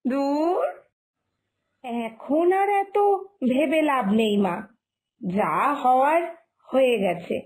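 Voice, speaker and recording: A woman voicing a loud, blunt older village mother-in-law in a cartoon, who gossips and cannot lower her voice. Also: very animated, slow pace, long pauses, heavily acted. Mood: regretful. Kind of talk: Bengali cartoon voice acting.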